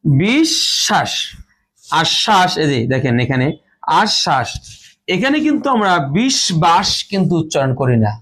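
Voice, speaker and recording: A man teaching a grammar lesson to students, explaining each rule slowly and repeating the rules and example words. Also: on the high side, very animated, a bit bright, breathy edge. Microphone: phone or camera in front of a board.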